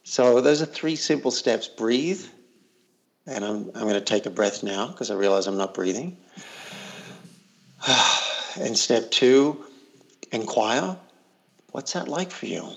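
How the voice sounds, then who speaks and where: A man's voice: on the low side, lively intonation, takes it slowly, pauses often, a little mellow. A man working as a coach, talking earnestly and reflectively in a casual interview, often repeating words as he thinks.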